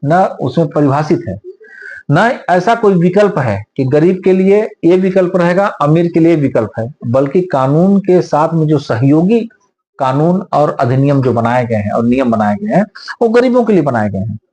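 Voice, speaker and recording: A man who is a senior advocate, explaining law at length in an interview in a measured, lecturing way with homely examples. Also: fairly high pitch, expressive, dark tone.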